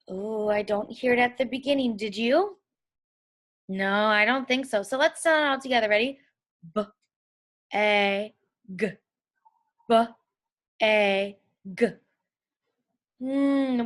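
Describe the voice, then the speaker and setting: A woman teaching phonics to young children, slowly and deliberately sounding out words, asking questions and offering encouragement. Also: on the high side, a bit bright. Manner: encouraging, praising the listeners.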